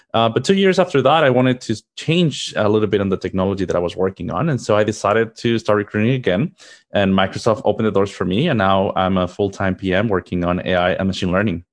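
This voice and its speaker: A man in his thirties from Mexico, a product manager answering interview questions in an earnest, upbeat way with fillers and restarts. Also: low-pitched.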